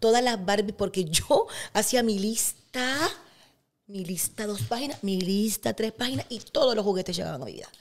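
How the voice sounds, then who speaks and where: A middle-aged woman with a Cuban accent, a guest in an interview, telling personal stories in a lively way. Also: medium pitch, moderate pace. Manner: animated storyteller who acts out quotes. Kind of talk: casual interview storytelling.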